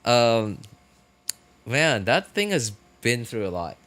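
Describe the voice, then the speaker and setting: With a mid-range, slightly bright voice, a man speaks slowly but very animatedly during a casual, rambling livestream chat. He talks conversationally, arguing points and regularly checking in with quick questions, while music plays.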